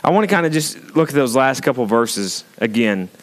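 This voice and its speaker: Male pastor mid-sermon, middle pitch, quiet conversational asides that climb into emphatic preaching. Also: lively intonation, moderate pace. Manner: swings between hushed intimate asides and rising emphatic preaching. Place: church.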